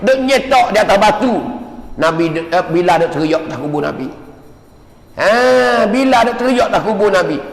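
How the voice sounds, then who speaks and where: A high-voiced man teaches in a mosque, piling up repeated words as he retells a story with emotion. His voice rings with long, roomy echo in a big hall. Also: expressive, a little fast. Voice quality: repetitive, emotive. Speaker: religious teacher.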